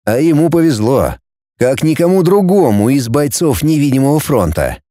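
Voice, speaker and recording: A man narrating an audiobook with an expressive reading style. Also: a little high, moderate pace, dry recording, studio quality. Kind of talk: scripted story narration.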